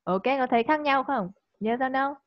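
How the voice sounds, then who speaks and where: Higher-voiced teacher, coaxing. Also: female voice, no room sound. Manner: coaxing, checks understanding with quick tag questions. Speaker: online English teacher. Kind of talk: live online tutoring. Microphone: video call. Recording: dull lo-fi call audio.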